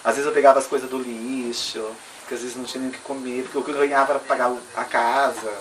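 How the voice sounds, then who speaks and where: A woman's voice: rumbling low, level tone, quick pace, a little hiss or hum. A woman tells her life story in an interview, earnest and emotional, often checking in with tag questions. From Brazil. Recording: distant mic with faint room ambience.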